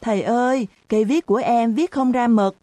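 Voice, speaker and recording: A woman's voice: on the high side, a little fast, warm tone, no room sound, pitched above the performer's own voice, lightly acted. A woman voicing a cheeky, naive little schoolgirl who is stubborn and loves to argue, in a chirpy, innocent questioning tone.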